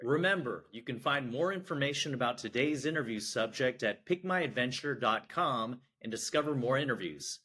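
Male host, crisp bright tone, friendly interview wrap-up. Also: medium pitch, lively intonation, normal speed, few pauses. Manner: friendly, reads outro promos. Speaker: podcast host. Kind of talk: interview hosting and sign-off.

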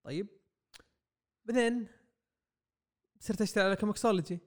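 A young man, rambling excitedly through a comic review on a podcast mic. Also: sits high, fairly quick. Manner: excitable, rambling, acts out quotes. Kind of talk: casual podcast review chat. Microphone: podcast microphone.

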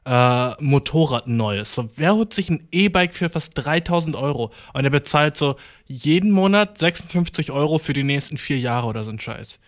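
Restless, hurried man ranting. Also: a little high, animated. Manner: restless and hurried, swearing a lot with English slang mixed in. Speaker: podcaster. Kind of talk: casual rant to the listener. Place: at home.

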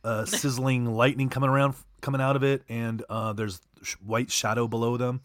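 A man's voice: mid-range voice, level tone, a little fast, dry recording, clean studio sound. A man co-hosting a casual radio show, rambling and hesitant, with lots of fillers and restarts. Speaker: radio co-host.

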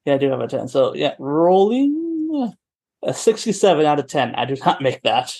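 Higher-voiced man playing a tabletop game. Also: huge pitch swings, moderate pace, creaky, warm tone, husky. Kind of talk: casual game chat, in and out of character.

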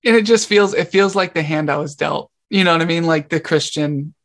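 Gravelly-voiced man, a reflective podcast guest. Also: on the high side, a little fast, fairly bright tone. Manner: reflective, searching for words, restarts phrases. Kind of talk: casual podcast conversation.

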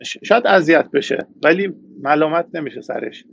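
A man's voice: a little high, lively intonation, gravelly, slightly rough, dry recording, lo-fi sound. A man from Iran, a guest in a casual interview, talking reflectively with frequent hesitations.

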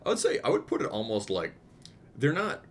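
A podcast co-host talks about music in casual conversation, thinking aloud as he dissects songs and humming riffs. His medium-pitched voice is sing-song and brisk, with a little hiss or hum in the audio. He's thoughtful but restarts often and says "um" a lot.

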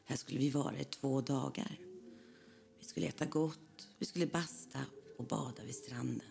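A woman narrating a spooky first-person ghost story in a hushed voice that often slips into whispers. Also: rumbling low, steady tone, creaky.

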